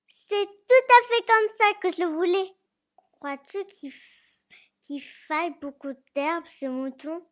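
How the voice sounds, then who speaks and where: A small, earnest little prince boy played by an actor in a dramatic storybook reading. The voice is very high and childlike, with slow, deliberate delivery. He is solemn and insistent, in a theatrical manner. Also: steady tone, a bit bright. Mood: curious, delighted.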